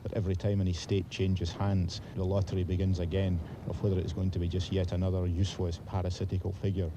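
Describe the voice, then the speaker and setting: A man giving opinionated commentary in an interview, speaking in a deliberate, emphatic and articulate way. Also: low-pitched, noisy background.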